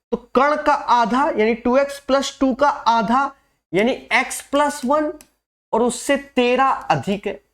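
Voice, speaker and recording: A man teaching a maths lesson for exam prep with a nasal voice from a cold, chatty, and calling his students his friends. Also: high-pitched. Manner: chatty, calls students "my friend", slips into English phrases. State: has a cold and fever.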